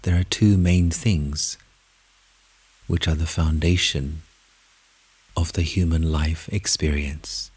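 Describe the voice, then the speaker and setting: In a very low, extremely breathy, husky voice, a man leads a guided meditation at a very slow pace. His intonation is fairly even and a little mellow, and he places each short phrase deliberately with long pauses between them.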